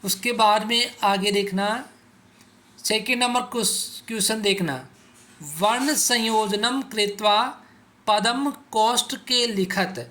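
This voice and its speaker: A man's voice: high-pitched, slow pace, sharp tone. A male teacher explaining word meanings to school pupils, asking questions and answering them himself, and repeating words so pupils can say them along. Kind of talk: classroom explanation for school students.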